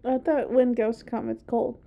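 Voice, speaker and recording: A woman's voice: a little high, flat delivery, measured pace, vocal fry, slight background noise. A woman co-hosting a podcast, chatting casually and reacting, on a slightly lo-fi microphone. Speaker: podcast co-host.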